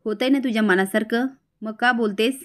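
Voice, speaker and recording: A woman's voice: on the high side, a little fast, fairly bright tone, natural voice. A woman voicing a bitter, angry young man who lashes out at his family with sarcastic retorts, in a retold TV serial.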